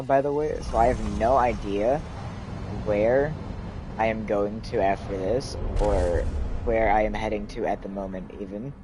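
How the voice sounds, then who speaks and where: A man's voice: fairly low pitch, noisy background. A man casually rambling through let's-play commentary as he plays a video game. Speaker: gaming streamer.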